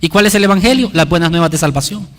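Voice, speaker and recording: A man's voice: high-pitched, quick pace, a bit bright, big-room sound. A man preaching a sermon as pastor, emphatic and urging his listeners with repeated appeals. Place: church sanctuary.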